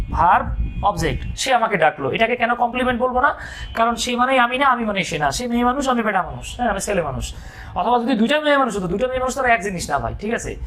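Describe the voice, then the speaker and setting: A man's voice: high-pitched, a bit bright. A man from Bangladesh teaching an English grammar lesson, explaining step by step and breaking in with joking asides and questions to his students.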